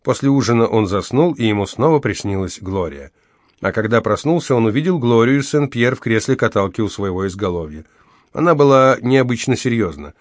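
A man reading an audiobook in steady, scripted narration. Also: mid-range voice, a little fast, dry recording, clean studio sound.

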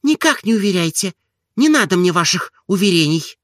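A touchy, proud young woman as a male reader puts her on, her voice raised well above his own and leaping up and down. She talks quick and lively, flaring up easily. Heard in a dry, close audiobook recording. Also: high voice, dry recording, voice pushed up. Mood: flustered. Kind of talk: audiobook character reading.

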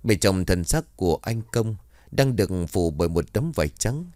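A male storyteller reading a scripted horror story. His voice is low and even, recorded close and dry with no room sound. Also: normal speed, no echo.

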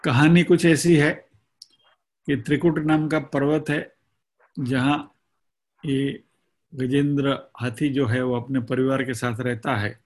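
Slow, deliberate male scripture storyteller. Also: mid-range voice, fairly even intonation. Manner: slow and deliberate, with pauses between phrases. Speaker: spiritual teacher.

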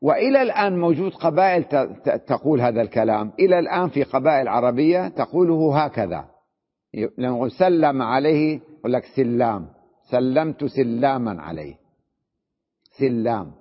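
Husky-voiced sheikh teaching grammar. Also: male voice, medium pitch, expressive. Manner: reads a text aloud, then explains it, checking understanding with quick questions. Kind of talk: classroom grammar lesson. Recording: dull lo-fi recording in a reverberant hall.

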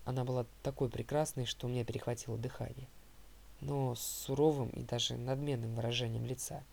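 A man narrating an audiobook in a steady, first-person storytelling manner. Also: medium pitch, fairly quick, vocal fry, slight background noise.

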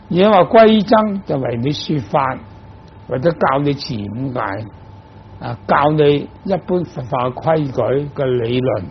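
A man's voice: a little high, dull audio, a little hiss or hum. An older man from Guangdong, a Buddhist monk giving a sermon, explaining patiently and posing rhetorical questions to his listeners. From Guangdong, China. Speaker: Buddhist monk teaching dharma.

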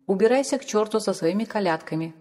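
A woman voicing a stern, angry young blacksmith who shouts curt threats. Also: mid-range voice, lively intonation, quick pace, lightly acted. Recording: long hall reverb.

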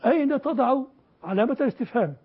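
Older man lecturing in a husky voice. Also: very high-pitched, animated, fast. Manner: emphatic, quizzes students. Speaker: teacher. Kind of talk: classroom lecture. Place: classroom with a board. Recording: dull lo-fi lecture recording.

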